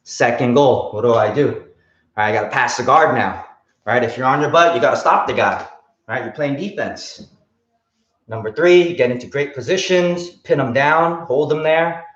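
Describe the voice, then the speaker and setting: Roomy, muffled male coach giving sharp martial arts commands. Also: mid-range voice, normal speed. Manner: sharp, clipped martial arts commands when calling drills; casual, explanatory, frequent "right?" check-ins. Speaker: jiu-jitsu coach teaching a kids' class. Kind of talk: martial arts class instruction with counted drills. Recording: muffled, roomy lo-fi class livestream.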